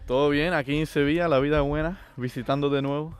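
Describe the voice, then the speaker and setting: Brief: young male guest, Cuban accent, smooth resonant voice, faint music. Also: fairly high pitch, fairly even intonation, fast talker. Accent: Cuban Spanish. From North Carolina, United States. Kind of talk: radio interview answers.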